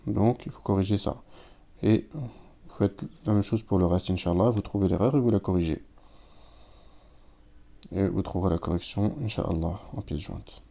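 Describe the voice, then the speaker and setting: A man's voice: low voice, moderate pace, gravelly, long pauses, warm tone. A man teaching a recorded language lesson, patiently explaining step by step and reading out words with their translations. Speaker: Arabic teacher. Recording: dull lo-fi sound.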